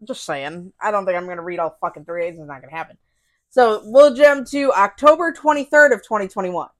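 A woman's voice: medium pitch, a little fast. A woman co-host reading out case details, with blunt, sweary, casual asides.

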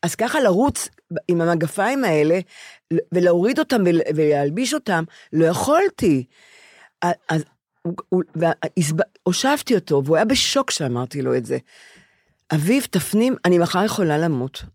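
A woman's voice: on the low side, very animated, darkish tone, husky, dry recording, clean studio sound. An older woman chatting casually, telling her stories emphatically and often repeating herself. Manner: emphatic, repetitive storytelling. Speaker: podcast co-host. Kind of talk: casual chat.

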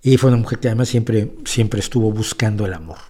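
A fast-talking man with a warm, lowish voice hosts a show and takes viewer questions. His answers come as a casual, meandering monologue packed with restarts, self-corrections, and strong opinions.

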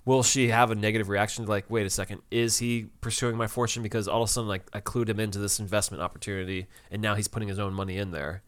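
A man's voice: lowish voice, fairly even intonation, fast, few pauses, clear, resonant tone. A man co-hosting a podcast, chatting in an easygoing way and laughing at his own slips. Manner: easygoing, self-deprecating, laughs at himself. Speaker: podcast co-host. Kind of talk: casual chat recapping a TV episode.

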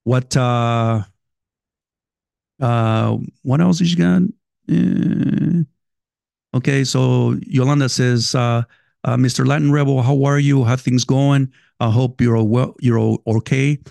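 A man's voice: medium pitch, fairly even intonation, slow pace, creaky, a little mellow, no room sound. A man in his fifties from El Salvador with a Salvadoran Spanish accent, hosting a podcast in a loose, chatty monologue, swearing casually and talking straight to his listeners. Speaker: podcast host. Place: at a desk by his computer.

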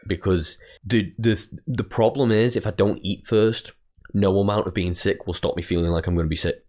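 A man's voice: lowish voice, steady tone, moderate pace, a little mellow. A man co-hosting a podcast in casual, bantering conversation. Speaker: podcast co-host.

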